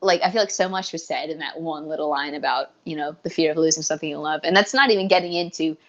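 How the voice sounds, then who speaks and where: A woman with a fairly low voice co-hosts a podcast, talking in an eager, rambling way and often restarting mid-sentence. Her voice comes through a dull, lo-fi recording. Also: quick pace. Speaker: podcast co-host. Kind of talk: casual podcast chat.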